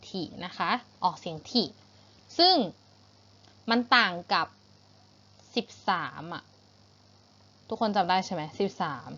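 A woman with a Thai accent teaching English to young pupils, patient and repeating each word slowly for pronunciation. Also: on the low side, expressive, sharp tone, muffled recording. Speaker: primary school English teacher. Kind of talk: online English lesson for children.

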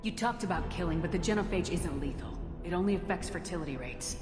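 A woman playing a composed human military commander in a video game, firm, measured and direct. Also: on the low side, lively intonation, close to an everyday voice. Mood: questioning. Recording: echoey hall, music behind.

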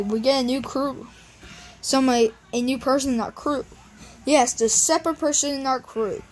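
A woman's voice: a little high, a little hiss or hum, poor audio. A woman improvising a plush puppet show, rambling with lots of fillers and switching between character voices.

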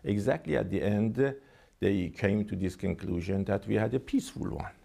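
A man with a Persian accent, speaking English as a second language, giving formal, halting interview answers as a diplomat. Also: fairly low pitch, gravelly, mellow. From Iran. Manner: halting, hesitant phrasing with frequent 'I mean'.

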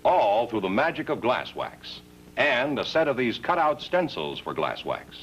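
A man's voice: sing-song, a little slow, a bit bright. 1950s TV commercial announcer, man. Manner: cheerful upbeat sales pitch. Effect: old 1950s TV broadcast sound. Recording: dull lo-fi old TV audio with faint hum.

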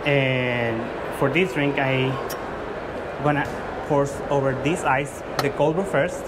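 A man's voice: medium pitch, fairly even intonation, slow pace. Earnest man in a noisy hall. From Guatemala. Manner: earnest, with frequent fillers and restarts. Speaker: competing barista. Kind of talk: competition presentation to judges. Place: large indoor exhibition hall. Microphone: far camera. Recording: loud hall noise from far off.

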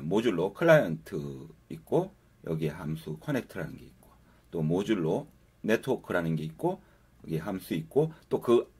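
A man's voice: low voice, a little mellow, breathy edge. A man giving a casual, step-by-step coding tutorial over a screen recording, talking viewers through each step. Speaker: programming instructor.

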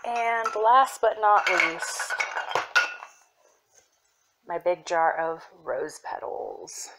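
A young woman casually showing her herb collection, soft-spoken and unhurried, with fillers and self-corrections that sometimes drop into a whisper. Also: on the low side, expressive, very noisy. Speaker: apothecary shop owner. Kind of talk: casual show-and-tell.

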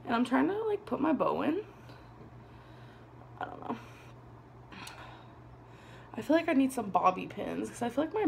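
A woman's voice: fairly high pitch, creaky, slight background noise. A woman in her twenties chatting casually to a camera on her desk, rambling and laughing often. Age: 20s. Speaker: vlogger. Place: small bedroom indoors. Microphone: camera on a desk below her.

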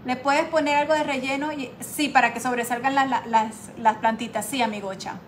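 A woman hosting a casual live craft tutorial, chatting warmly with her viewers and reading their comments aloud. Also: high voice, fairly even intonation, brisk, slight background noise. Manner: chatty, affectionate, calls viewers "my girls", reads comments aloud. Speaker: craft livestream host.

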